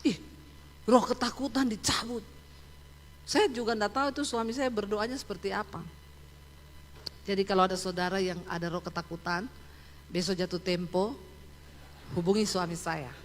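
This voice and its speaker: A woman pastor, preaching a sermon in animated storytelling style with many asides to the congregation. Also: mid-range voice, normal speed, pauses often, a little hiss or hum. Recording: echoey hall.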